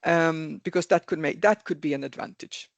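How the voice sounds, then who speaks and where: On a video call with dry, dull audio and no room sound, a man gives an explanatory webinar talk offering career advice. His voice is a little high with some vocal fry, and he speaks at a normal speed. He is earnest, repeats himself, and corrects his own words as he goes.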